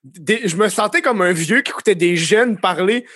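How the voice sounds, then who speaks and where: A man interviewing a guest in a relaxed, chatty and joking way. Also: sits high, normal speed, no room sound, studio quality. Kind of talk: casual interview.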